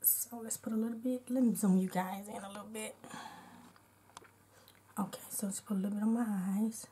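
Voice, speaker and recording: Talking a little fast in a steady, mellow, medium-pitched voice that's slightly hoarse and congested, a woman walks through every step of an unedited makeup tutorial in casual vlogger style. A faint hiss or hum sits under the audio.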